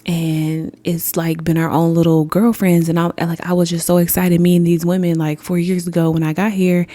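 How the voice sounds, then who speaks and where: Young woman podcast host; casual, blunt, profane, laughs easily; warm low voice, dry recording. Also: level tone, moderate pace, no room sound. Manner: candid, swears freely, laughs often, addresses listeners as y'all.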